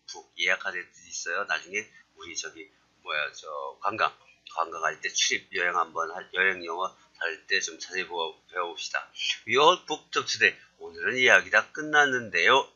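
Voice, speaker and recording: A male teacher with a very bright, forceful voice and a fairly low pitch. He acts out short dialogue lines and then explains them. The recording is dull and lo-fi. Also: husky. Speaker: English teacher. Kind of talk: lecture.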